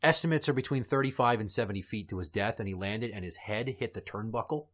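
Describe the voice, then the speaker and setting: A man with a somewhat low voice hosting a comedy podcast. He chats casually, building up morbid gags with a little run-up and crude asides. His delivery is loose and conversational. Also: fast. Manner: dark crude joking, storytelling. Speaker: podcast host.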